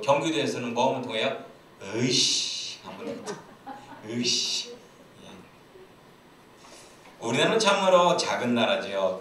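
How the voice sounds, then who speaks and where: A man's voice: mid-range voice, a bit bright. A man preaching a sermon as pastor, telling jokes and playful stories. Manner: playful, joking storyteller. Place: church sanctuary. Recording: very echoey church hall, distant mic, faint hiss.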